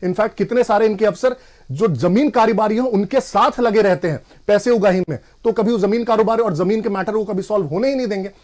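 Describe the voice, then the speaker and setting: Brief: high-pitched male party spokesperson, forceful TV-debate arguer. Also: fairly quick. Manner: forceful, insistent, refuses interruption. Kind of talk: TV debate argument.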